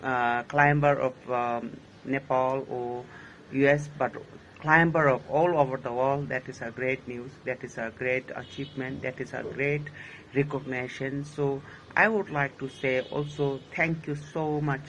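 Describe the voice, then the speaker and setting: A man's voice: medium pitch, steady tone, measured pace, fairly bright tone, a little hiss or hum, poor audio. A man giving an enthusiastic video greeting, repeating himself with many fillers. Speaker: well-wisher sending a video message.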